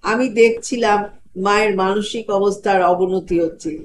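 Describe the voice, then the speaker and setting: A woman recites a short story in a gentle, expressive way, with a pitch that sits in the middle of the range. She lightly voices the characters' lines. A faint hiss of noise stays behind her voice. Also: unhurried, low-quality recording. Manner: gentle expressive reading, softly voicing the girl's and mother's lines. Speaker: narrator reading a short story.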